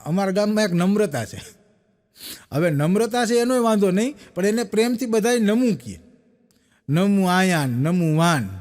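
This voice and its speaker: A man's voice: high-pitched, darkish tone. A man doing stand-up comedy, rattling off one-liners and acting out the dialogue in his stories. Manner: rapid joke-telling with quoted dialogue. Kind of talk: stand-up comic storytelling.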